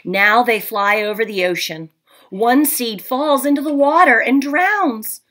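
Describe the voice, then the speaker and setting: A woman in her thirties who teaches reads a children's picture book aloud, her voice on the high side and a little slow. The reading is gentle and full of expression, recorded indoors at home through a laptop webcam.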